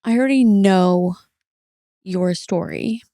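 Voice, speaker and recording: A woman podcast host and fertility acupuncturist, talking in an animated, dramatic, joking way with her guest. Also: medium pitch, slow, dry recording, studio quality. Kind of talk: casual podcast conversation.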